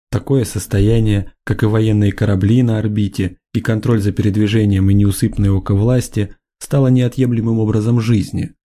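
A man narrating a science fiction audiobook in a measured, even reading style. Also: on the low side. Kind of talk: scripted narration.

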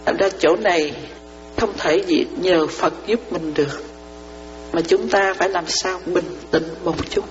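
A woman's voice: fairly low pitch, measured pace, faint music behind. A woman, a Buddhist nun, giving a dharma talk to lay followers. She explains through parables and often asks whether her listeners understand. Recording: reverberant hall, dull lo-fi sound, faint mains hum.

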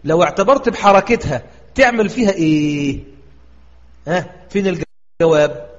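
A man with an Egyptian accent teaching a recitation lesson, quizzing his students and drawing out example words slowly. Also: high voice, animated. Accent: Egyptian Arabic. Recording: echoey, dull lo-fi audio.

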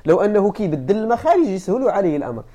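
Lively Moroccan woman teaching. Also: mid-range voice, very fast. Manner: repeats points and asks the class rhetorical questions. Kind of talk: classroom lecture on classical texts.

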